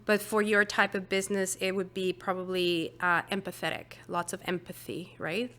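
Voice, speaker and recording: Bright-voiced chatty woman facilitator. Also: fairly low pitch, flat delivery, moderate pace. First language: not English. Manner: chatty, uses many fillers and "right?". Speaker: workshop facilitator. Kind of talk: casual workshop teaching.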